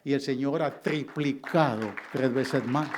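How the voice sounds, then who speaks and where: A man's voice: medium pitch, a little slow, crowd noise, noisy background. A male pastor preaching a sermon, telling a personal story and acting out his dialogue with God.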